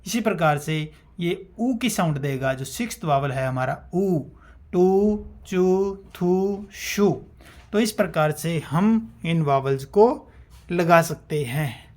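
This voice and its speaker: A man's voice: fairly high pitch, animated, measured pace. A man teaching shorthand, explaining step by step and sounding out example syllables one at a time. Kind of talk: classroom-style explanation.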